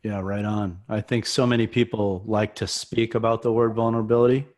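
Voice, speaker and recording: Lower-pitched man, upbeat mentor type, leads the conversation with encouragement. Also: little pitch movement, fairly quick, darkish tone. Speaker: mentor and interviewer. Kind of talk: enthusiastic interview.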